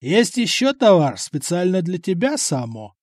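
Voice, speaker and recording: Cunning old-world merchant, icy calm, voiced by a male narrator. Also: high-pitched, measured pace, no room sound, clean studio sound, voice pushed up, full character voice. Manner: icy, calculating.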